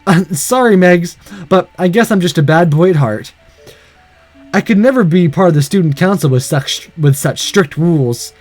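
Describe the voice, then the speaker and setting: A man's voice: high voice, expressive, moderate pace, darkish tone, faint music behind. A man reading a visual novel aloud and breaking off into sarcastic, cursing asides. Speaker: let's play host.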